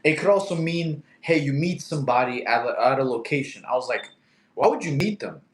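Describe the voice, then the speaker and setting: A man in his thirties, a native Russian speaker, hosts a livestream, chatting casually as he reads comments, laughs a lot, and talks to his cat. His mid-range voice is expressive and a little fast, and the room is echoey.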